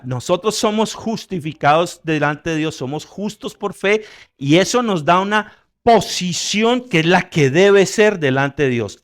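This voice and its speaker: High-voiced middle-aged pastor preaching with humor. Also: male voice. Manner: jokes with the congregation, swings from loud emphatic peaks to quiet asides; asks the congregation if they follow. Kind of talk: sermon.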